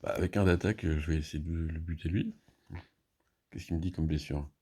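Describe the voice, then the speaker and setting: A man's voice: rumbling low, a little fast, dark tone, breathy edge. A man casually explaining his moves in a solo board game, thinking aloud with many hesitations and restarts.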